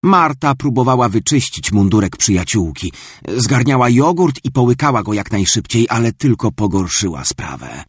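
A man reading a children's story aloud with expressive, storytelling delivery. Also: medium pitch, normal speed, slightly rough, dry recording, studio quality. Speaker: narrator.

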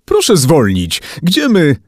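A man voicing a frightened woman trapped in a taxi, shouting and pleading in panic. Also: low voice, big pitch swings, slow, no echo, clean studio sound, full character voice. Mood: panicked.

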